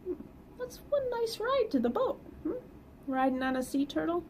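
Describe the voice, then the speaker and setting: With an extremely high voice at a moderate pace, a middle-aged woman reads a children's picture book aloud in a small, plain indoor room. She is an animated storyteller, using sing-song emphasis for young listeners and casual asides. A little hiss or hum sits under the recording.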